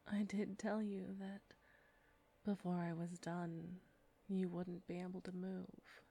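A woman voicing a seductive, predatory female succubus in an audio roleplay, speaking in a breathy whisper with a slow, taunting manner. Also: fairly low pitch, warm tone, heavily acted. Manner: slow, taunting, close to the ear.

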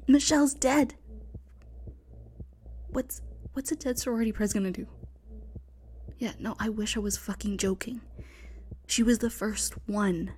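A young woman voicing a panicked sorority sister hiding from a killer, talking in hushed, frantic whispers and swearing often. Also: a little high, expressive, unhurried, pauses often, slight background noise. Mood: urgent whisper. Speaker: voice actor in an audio roleplay. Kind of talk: one-sided audio roleplay.

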